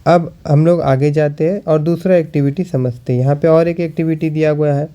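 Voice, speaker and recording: A male teacher giving a chemistry lesson, repeating questions and answering them, and slowing down while he writes. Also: on the high side, steady tone, warm tone, lo-fi sound.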